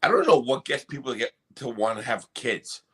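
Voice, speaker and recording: A man's voice: medium pitch, fairly quick, fairly bright tone, breathy edge. A man on a comedy podcast, telling crude jokes and rambling in loose, casual banter.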